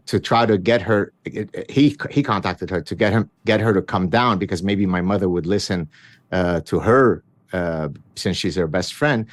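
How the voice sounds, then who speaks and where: A low-voiced Lebanese man in his fifties, a guest author, tells stories from his childhood in a conversational interview, recorded dry. He is wry and self-deprecating, frequently starting over mid-thought.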